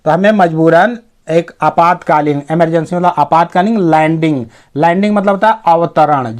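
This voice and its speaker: Man teaching English reading in Hindi. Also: fairly high pitch. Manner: explains word by word, reads English lines slowly and carefully.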